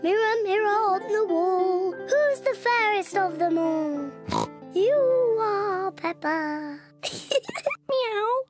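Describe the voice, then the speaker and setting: A bossy, giggly little piglet girl from a children's cartoon. Her voice is very high and lively and she speaks slowly, with music playing softly behind. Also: heavily acted. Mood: playful.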